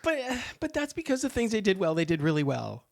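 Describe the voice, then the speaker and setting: A man co-hosting a casual film podcast, talking in an animated, sarcastic way and often slipping into mock quotes. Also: high-pitched, quick pace, vocal fry, a crowd in the background. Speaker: podcast co-host.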